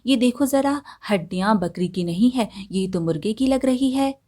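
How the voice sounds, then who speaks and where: A woman's voice: on the high side, animated, moderate pace, dark tone. A woman voicing a clever young village man who teases and accuses his neighbor, in a storybook reading. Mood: teasing.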